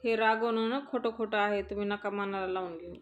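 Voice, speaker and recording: A woman voicing a sly, smooth-talking young husband who placates others. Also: medium pitch, fairly even intonation, brisk, highs cut off, natural voice.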